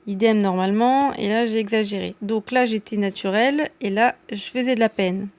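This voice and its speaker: A woman's voice: medium pitch, moderate pace, a little mellow. A woman giving a casual video lesson as a language teacher, chatty and self-deprecating, with frequent hesitations and an encouraging tone. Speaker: Arabic teacher.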